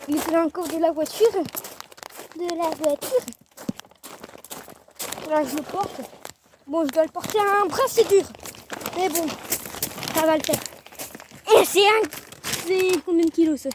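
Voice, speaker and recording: A woman's voice: extremely high pitch, measured pace, long pauses, background noise. A teenage girl from France, vlogging casually outdoors by her chickens, rambling and often trailing off mid-sentence. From northern France. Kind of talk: casual vlog. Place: outdoor garden by a chicken coop.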